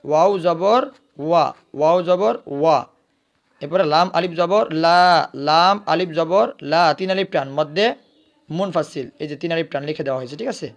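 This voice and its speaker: A man leads a recitation lesson, spelling words one letter at a time, posing questions he answers himself, and then chanting the words slowly. His voice sits a little high, and the recording sounds muffled.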